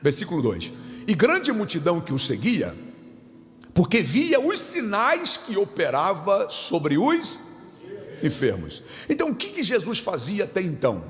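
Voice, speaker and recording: A man's voice: sits high, huge pitch swings, a little slow. A man preaching a dramatic Pentecostal sermon as pastor, with a Brazilian Portuguese accent, calling out to the congregation. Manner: dramatic, calls out to congregation, bursts of shouting. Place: large church hall. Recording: church hall reverb with music.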